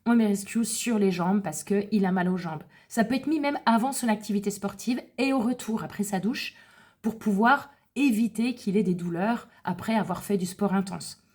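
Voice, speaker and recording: A woman's voice: medium pitch, normal speed, darkish tone. A woman who works as a wellness advisor, casually explaining essential oil products for children to the camera in a chatty way, often correcting herself as she goes.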